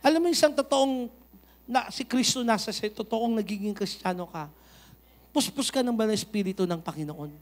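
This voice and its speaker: High-voiced Filipino pastor preaching. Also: male voice, fairly quick. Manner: animated preaching, mixing Tagalog and English, rising to shouts. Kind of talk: sermon. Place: church.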